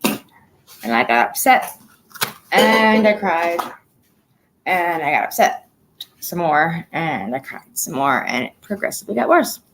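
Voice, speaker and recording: Blunt, low-voiced woman venting. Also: sing-song, a little slow, pauses often, fairly bright tone, a little hiss or hum, poor audio. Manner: blunt and profane, venting frustration; plainspoken, repeats herself for emphasis. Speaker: vlogger. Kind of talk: emotional personal update.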